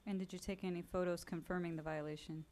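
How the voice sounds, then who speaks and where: Flat-voiced woman prosecutor, courtroom recording. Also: on the low side, fast, a little hiss or hum. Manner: flat, procedural reading of case details. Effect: courtroom hearing recording. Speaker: city prosecutor. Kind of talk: formal witness questioning. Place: hearing room.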